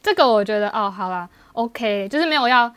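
A woman's voice: on the high side, expressive, fairly quick, smooth, no echo. A woman co-hosting a podcast in casual chat, reacting to a story and reassuring the teller. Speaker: podcast co-host.

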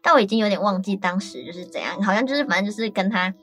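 A woman's voice: mid-range voice, rapid-fire, fairly bright tone. A young woman from Taiwan co-hosting a casual radio chat, leading topics and asking her partner questions. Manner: asks questions, leads topics. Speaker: co-host.

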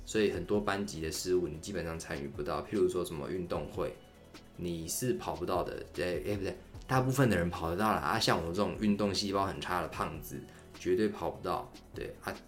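A man's voice: deep voice, a little fast, faint music behind. A young man, hosting a podcast and telling a story in a candid, rambling, chatty way. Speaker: podcast host. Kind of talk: casual solo storytelling.

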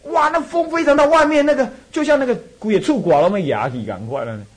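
A man's voice: extremely high pitch, animated, fast, husky. A Buddhist monk and temple abbot with a Taiwanese Mandarin accent, giving a dharma talk full of personal stories, repeating phrases and chuckling as he tells them.

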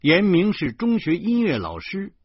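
A man reading a serialized novel aloud with lively storytelling. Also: high-pitched, a little slow, husky, no room sound, lo-fi sound. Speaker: audiobook reader.

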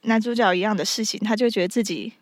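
A woman with a Taiwanese accent hosting a casual chat, animated as she explains things with little acted examples. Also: mid-range voice, rapid-fire, very noisy. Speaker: podcast host.

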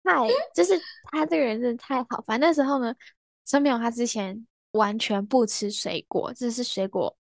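A woman's voice: on the high side, gravelly, no room sound, studio quality. A young woman hosting a podcast, telling stories in a playful, teasing way. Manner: playful, teasing, quick storytelling. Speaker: podcast host. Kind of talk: casual chat.

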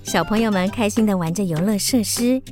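A woman giving gentle, lilting scripted narration for a children's radio drama. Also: mid-range voice, a little fast. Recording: children's music underneath.

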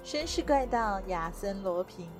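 A woman's voice: medium pitch, animated, measured pace, over music. Woman narrating a story. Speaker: podcast storyteller.

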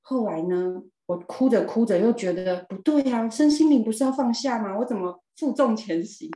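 A woman tells her own story as a podcast guest. She speaks expressively, with emphatic repeats and bursts of laughter. Her voice is mellow and a little dark, and it carries a roomy echo. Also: a little high, expressive, normal speed. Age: 40s. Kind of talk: personal storytelling in a podcast interview.

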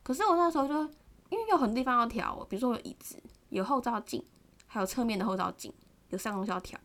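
Animated high-voiced young woman storyteller. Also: quick pace. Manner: animated, mimics a shouting partner, many fillers. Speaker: podcast host. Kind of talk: casual storytelling.

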